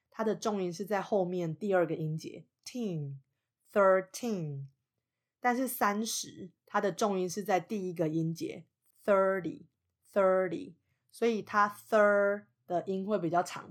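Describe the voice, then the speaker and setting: Patient woman teaching English numbers. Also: lowish voice. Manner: patient, spells out English examples slowly. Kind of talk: explaining vocabulary lesson.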